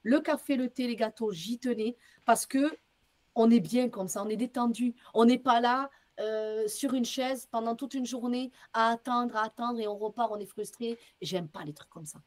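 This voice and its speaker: A woman medium, interviewed as a guest, telling stories in a casual, lively way, acting out bits of dialogue and using casual slang. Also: on the high side, moderate pace. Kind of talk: casual storytelling.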